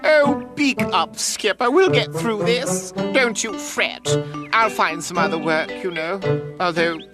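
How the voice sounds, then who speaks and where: A woman voicing a vain, fussy middle-aged male governor in a cartoon, pompous and easily flustered, over loud music. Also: medium pitch, slow pace, natural voice. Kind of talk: cartoon voice acting.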